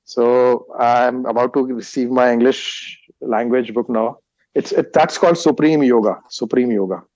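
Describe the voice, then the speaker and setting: This Indian man speaks with a steady, darkish, medium-pitched voice, heard in a muffled recording without echo. An author and meditation teacher appearing as a guest, he speaks Hindi, has an Indian accent, and fields interview questions in a halting way, full of restarts and fillers.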